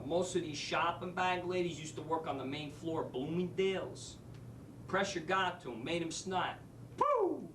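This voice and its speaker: An actor playing a brash, wisecracking New street-smarts teacher in a stage monologue. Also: male voice, a little high, noisy background, lightly acted. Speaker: actor in a drama school showcase monologue. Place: theater stage. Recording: echoey stage from a distant mic.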